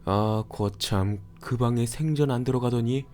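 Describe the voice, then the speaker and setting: A man voicing a gruff father with short, curt remarks. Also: mid-range voice, a little slow, mellow, faint music behind, lightly acted. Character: dazed, grumbling middle-aged father.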